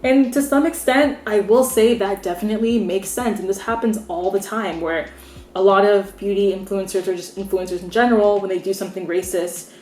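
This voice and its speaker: A woman's voice: mid-range voice, a little fast, a little mellow. A young American woman giving her frank, opinionated take as a beauty vlogger, chatting casually with lots of "like"s. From United States. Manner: frank, opinionated, conversational with many "like"s. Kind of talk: candid opinion vlog. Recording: roomy echo.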